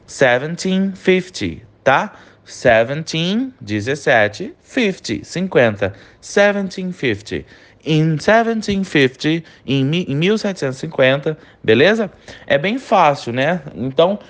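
A man teaching an online language lesson, drilling words slowly for the learner to repeat and checking in often with short questions. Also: mid-range voice. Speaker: English teacher.

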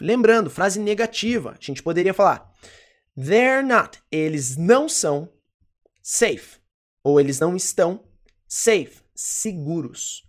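An English teacher with a Brazilian Portuguese accent gives a recorded lesson, repeating each word and often checking in with "ok?". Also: mid-range voice. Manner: slow, repetitive drilling with frequent "ok?" checks.

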